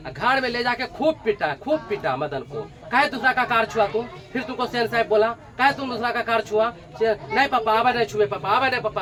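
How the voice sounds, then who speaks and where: High-voiced man teaching by storytelling. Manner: acts out characters, repeats key lines, quizzes students. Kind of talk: animated storytelling lesson. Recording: crowd noise behind.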